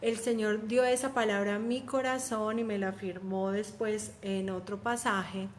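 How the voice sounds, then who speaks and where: A woman's voice: mid-range voice, steady tone, normal speed, a little hiss or hum. A woman, telling a personal faith testimony in a heartfelt, conversational way with frequent restarts. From Colombia. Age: 30s.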